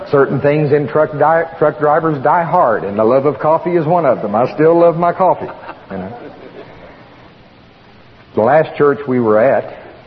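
A man with an Oklahoma accent preaches informally as a guest preacher, folksy and plain-spoken, repeating words for emphasis. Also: mid-range voice. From Oklahoma, United States. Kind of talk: informal sermon to a congregation. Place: church sanctuary. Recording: reverberant hall, muffled, faint noise.

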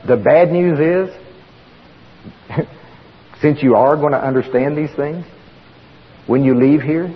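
A man's voice: on the high side, takes it slowly, pauses often. Guy with an okie accent, oklahoma preacher, folksy sermon, big reverby church, kinda muffled. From Oklahoma, United States. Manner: folksy, plain-spoken, repeats for emphasis. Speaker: guest preacher. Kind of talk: informal sermon to a congregation. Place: church sanctuary. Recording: reverberant hall, muffled, faint noise.

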